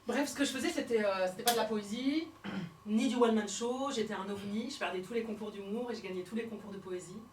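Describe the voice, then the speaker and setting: A woman comedian performing a one-woman stage show, telling her story theatrically and swinging between hushed and shouted lines. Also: medium pitch, fast talker, background noise. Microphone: fixed camera from the hall. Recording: roomy hall sound from far off.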